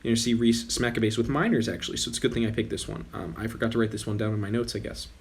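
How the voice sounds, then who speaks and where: A young channel host talks over gameplay in a lower voice that races along with a slight roughness. He's losing his voice, keeps things relaxed and wandering, and often corrects himself mid-thought.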